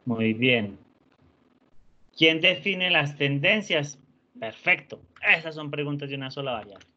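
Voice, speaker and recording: A man teaching an online class, patient and encouraging, often softening words with diminutives. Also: fairly high pitch, animated, unhurried. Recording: dull lo-fi sound.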